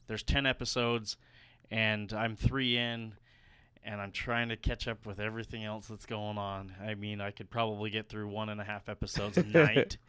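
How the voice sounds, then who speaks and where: A man's voice: fairly low pitch, bright, forceful tone, clear, resonant tone. A man hosting a studio podcast, talking casually with many fillers and restarts. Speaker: podcast host. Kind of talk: casual chat.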